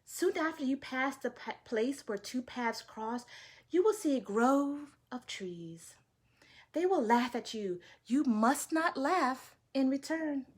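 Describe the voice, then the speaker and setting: A woman voicing a wise old woman who gives advice slowly and quietly. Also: sits high, lively intonation, husky, full character voice. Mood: calm advising. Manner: slow, hushed counsel.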